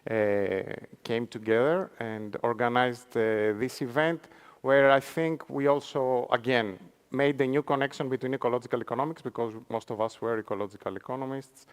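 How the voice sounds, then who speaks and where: A man's voice: medium pitch, steady tone, moderate pace, clear, resonant tone. A man with a Spanish accent speaking on a conference panel, lecturing with frequent fillers and restarts. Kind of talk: academic panel talk. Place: conference hall.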